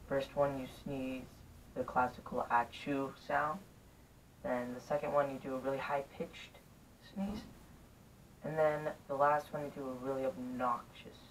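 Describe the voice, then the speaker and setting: A young man talks to his viewers in a casual, halting way, in short phrases. His voice is bright and medium in pitch. He sounds a bit away from the camera mic, with faint rumbling noise. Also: distant mic, poor audio. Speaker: vlogger hosting a challenge video. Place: bedroom, indoors. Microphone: camera a few feet away.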